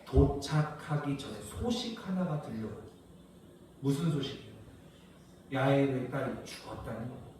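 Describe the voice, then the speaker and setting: A male pastor preaching a sermon. He asks the congregation questions and answers them himself, and he swings between hushed low lines and loud emphatic ones. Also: lively intonation, normal speed, pauses often, slight background noise. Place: rural church sanctuary. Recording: echoey church hall, heard from far off.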